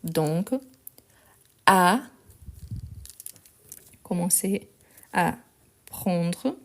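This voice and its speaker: A woman with a fairly low, steady voice teaches French live online, speaking into the phone she holds. Step by step she corrects a text, explaining slowly and patiently, with lots of repetition and plenty of "donc".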